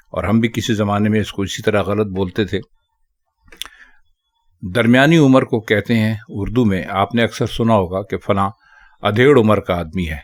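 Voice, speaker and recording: A man teaching correct spelling and pronunciation, talking slowly and carefully and repeating each word several times. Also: lowish voice. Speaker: Urdu language teacher.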